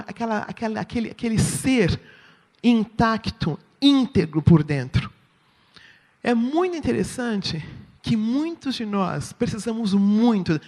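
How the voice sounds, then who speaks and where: A woman with a Brazilian Portuguese accent giving a sermon-style teaching talk at church, often checking in with her listeners. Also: fairly high pitch. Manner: expressive, asks the audience "right?". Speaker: church speaker. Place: church hall. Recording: long reverb in a hall.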